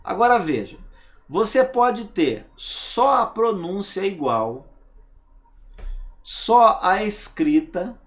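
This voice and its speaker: Slow, lively male teacher. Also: high-pitched. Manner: asks rhetorical questions and checks understanding with "tá?"; emphatic, stresses single words. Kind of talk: recorded grammar lesson.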